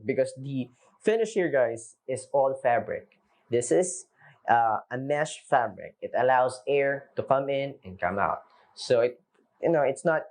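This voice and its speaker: A young man from the Philippines, a native Filipino speaker, gives viewers an unscripted, casual product review, loose and chatty and packed with fillers. His voice is medium-pitched, picked up by a camera mic.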